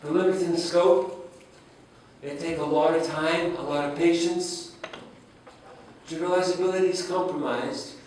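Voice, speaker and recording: A man's voice: on the high side, steady tone, measured pace, darkish tone, a little hiss or hum. A man whose first language is French gives a humorous academic lecture and keeps asking his audience rhetorical questions. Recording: echoey hall, distant mic, faint ambience.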